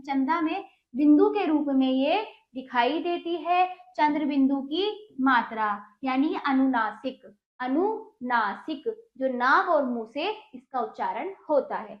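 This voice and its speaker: A woman Hindi teacher giving a slow classroom lesson to children, stretching and clearly sounding out each example word. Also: sits high. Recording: echoey room, dull lo-fi sound.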